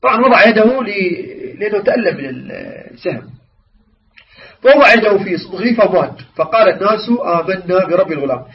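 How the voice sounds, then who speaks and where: A man with a high voice teaches a religious lesson, stopping to explain word meanings and quiz his class. He sounds set back from the mic. The recording is dull and lo-fi. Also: recorded from a distance.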